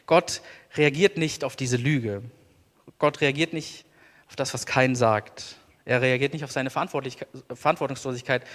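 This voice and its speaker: A man preaching a sermon as pastor, earnest, slowing down to stress key words. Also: mid-range voice, fairly bright tone. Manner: earnest, slows down for emphasis. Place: church. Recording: long church reverb.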